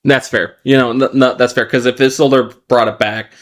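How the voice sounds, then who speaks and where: A man's voice: mid-range voice, normal speed. Casual male podcast host recapping. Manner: relaxed, loose, with fillers and restarts between read passages. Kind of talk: casual chat mixed with reading a plot summary.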